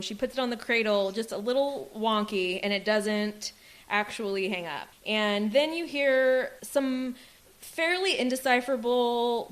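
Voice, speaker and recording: A woman co-hosting a true crime podcast, laying out a case in an emphatic, argumentative way. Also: fairly high pitch. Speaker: podcast co-host.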